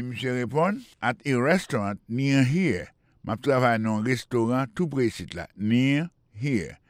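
A man's voice: medium pitch, no echo, studio quality. A man hosting a radio language lesson, patiently repeating phrases and spelling words out letter by letter. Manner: explanatory and patient. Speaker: English teacher and radio host.

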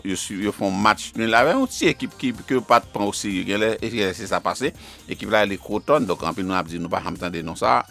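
A man presenting radio sports news in a halting way, full of fillers. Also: low-pitched, gravelly, fairly bright tone.

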